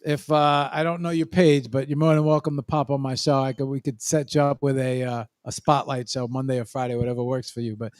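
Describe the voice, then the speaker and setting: A man's voice: mid-range voice, level tone, a little mellow, dry recording, clean studio sound. A man speaking as a guest in a casual chat, stumbling over his words and repeating himself as he tells stories. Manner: halting, repeats words while telling stories.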